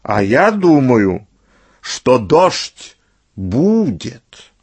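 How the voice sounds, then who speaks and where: A man voicing a proud, pensive old rooster who speaks slowly and solemnly in a husky voice. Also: mid-range voice, sing-song, full character voice. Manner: slow, solemn, pompous.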